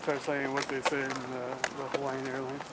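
A man's voice: medium pitch, completely flat delivery, fairly quick. A man chatting casually outdoors, picked up off to the side of a camera mic. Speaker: travel companion. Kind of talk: casual chat. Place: outdoors in a park, beside the camera. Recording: loud outdoor noise, off-mic camera sound.

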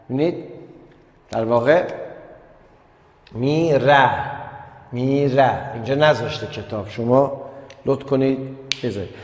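A man's voice: medium pitch, long pauses, a little mellow. A man teaching an online class, explaining step by step, repeating key words and turning often to address his pupils. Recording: echoey room with long reverb.

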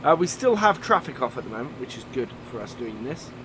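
A man's medium-pitched, sing-song voice moves fast as he hosts a let's play of a farming game, casually commentating and thinking aloud with frequent fillers. A coming cold makes him sound slightly nasal, and vehicle noise from the game is clear in the voice-over.

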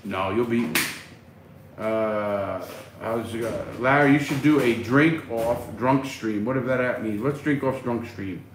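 A middle-aged man, speaking a little slowly at medium pitch, hosts a casual livestream, reading chat and answering bluntly with free swearing. The phone recording, made at arm's length in a small home room, sounds echoey with faint noise.

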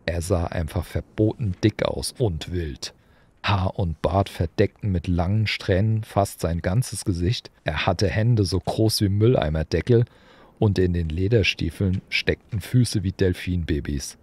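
A man reading a children's audiobook aloud in an expressive storytelling manner. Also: low-pitched, unhurried, slightly rough, no room sound. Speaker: audiobook reader. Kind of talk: audiobook narration.

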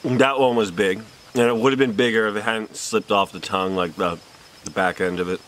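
Low-voiced man talking while chewing gum. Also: steady tone, a little fast, fairly bright tone, a little hiss or hum, poor audio. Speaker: vlogger. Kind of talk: casual solo vlog.

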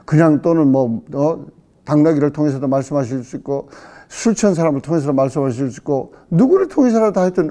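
Man, middle-aged, pastor, casual sermon, animated outbursts, English words mixed in, somewhat high pitch. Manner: animated, acts out questions with sudden loud outbursts. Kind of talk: casual Bible-study sermon.

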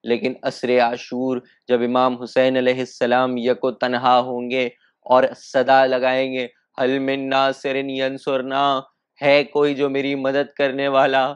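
A man's voice: medium pitch, completely flat delivery, unhurried, smooth, dry recording, lo-fi sound. A man giving an impassioned religious lecture, telling a story with emotional peaks.

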